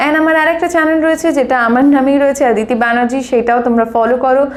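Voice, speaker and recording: A young woman with a Bengali accent teaching English, reading dialogue lines slowly and explaining them in Bengali. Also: high-pitched. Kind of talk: bilingual English lesson.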